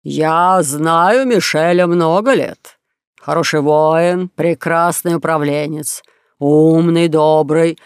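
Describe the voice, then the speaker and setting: An audiobook reader voicing a jovial, pushy king who plays matchmaker, talking slowly and loudly in a dry, close recording. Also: medium pitch, vocal fry, clear, resonant tone, dry recording. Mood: persuasive. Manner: coaxing, blustering, loud and slow. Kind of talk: audiobook character voice.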